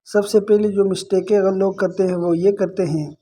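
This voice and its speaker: A male Quran teacher, moving between brisk explanation and slow, drawn-out recitation. His voice sits high and stays level in pitch. He points out errors plainly and then chants each verse carefully. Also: steady tone, dark tone. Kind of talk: tajweed lesson with recited examples.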